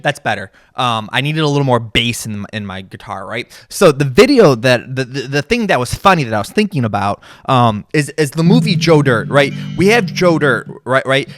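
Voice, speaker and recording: A man's voice: medium pitch, sing-song, moderate pace, hardly any pauses, fairly bright tone. A man talking casually about music and his body while adjusting his guitar gear, repeating words and tagging "right?" onto his points. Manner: rambling, repeats words, says "right?" often. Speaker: musician and content creator. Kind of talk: casual monologue.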